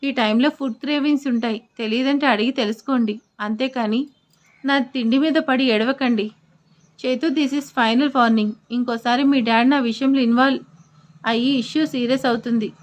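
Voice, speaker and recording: A blunt young daughter-in-law who talks back without fear, as a woman narrator puts her on. Her voice is slightly high and firm. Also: steady tone, moderate pace, close to an everyday voice. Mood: defiant. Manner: defiant, blunt.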